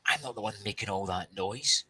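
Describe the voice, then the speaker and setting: A Scottish man voicing a furious young boy who rages and shouts in a storybook reading. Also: fairly low pitch, moderate pace, husky, pitched above the performer's own voice, heavily acted. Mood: raging. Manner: raging, shouting.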